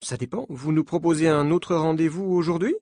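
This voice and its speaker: A man voicing a dynamic, teasing young woman journalist in a slow learners' story. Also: a little high, a little mellow, dry recording, clean studio sound, lightly acted. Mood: firm. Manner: teasing, matter-of-fact. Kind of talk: slow French-lesson story reading.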